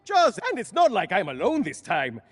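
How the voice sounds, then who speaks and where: Nervy lonely prisoner man in a game, high raspy voice all over the place. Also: huge pitch swings, moderate pace, full character voice. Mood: nervous. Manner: nervous, eager rambling. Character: lonely, jittery, excitable male prisoner in jail. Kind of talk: video game character acting.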